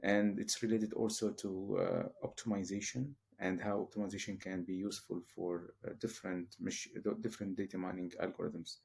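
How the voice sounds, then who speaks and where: Professor type from Syria, deep gravelly tone, slow-to-find-words interview answers. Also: male voice, little pitch movement, darkish tone. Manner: hesitant, many fillers and restarts. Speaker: guest, professor.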